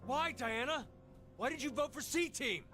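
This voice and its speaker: A man playing a loud, indignant, hot-headed young man in a video game drama. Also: extremely high pitch, moderate pace, soft background music. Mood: shocked, accusing.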